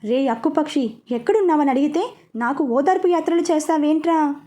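A pouting young woman who teases and grumbles at the people close to her, as a woman storyteller reads her part. The voice is high and mellow, in a spoken audio story. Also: fairly quick, lightly acted. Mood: sulky. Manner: pouting, teasing. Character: sulky, playful young woman.

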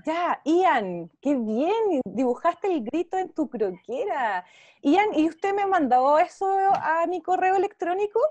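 A woman's voice: very high-pitched, expressive, slow, darkish tone, dry recording, muffled recording. A woman teaching an online visual arts class to young pupils, with a Chilean Spanish accent, encouraging and checking in often with the children. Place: home, over a video call. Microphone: video call.

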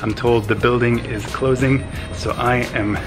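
A man in his thirties chats enthusiastically to a camera held at arm's length, his voice sitting at an everyday middle pitch. Clear background music plays beneath his talk. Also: fairly even intonation, unhurried. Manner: chatty, enthusiastic. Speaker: travel vlogger. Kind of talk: casual vlog narration. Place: outdoors on a city rooftop and streets. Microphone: handheld camera at arm's length.

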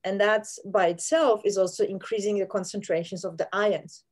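A female plant scientist from Poland, Polish being her first language, joins a virtual interview from home among her plants to explain her research. Heard through a video-call mic, her mid-range voice holds a steady tone at normal speed, though she hesitates with plenty of fillers.

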